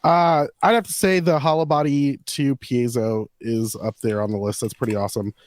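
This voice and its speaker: Male co-host, relaxed and scattered, dry close mic. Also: mid-range voice, moderate pace, no room sound. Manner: easygoing, a bit scattered. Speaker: podcast co-host. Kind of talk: casual gear chat.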